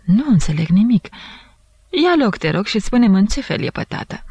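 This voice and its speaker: A man's voice: sits high, very animated, vocal fry, darkish tone, breathy edge, no echo, pitched above the performer's own voice, full character voice. A woman voicing a jovial male judge who talks in a familiar, bantering, disbelieving way. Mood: jovial, incredulous. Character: jovial, puzzled middle-aged male investigating judge.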